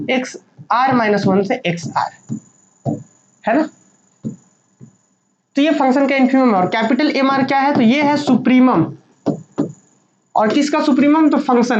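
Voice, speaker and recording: A woman with a high, darkish voice gives a maths lecture, patiently repeating each point and mixing English terms into her speech. The recording has a dull lo-fi quality with faint noise.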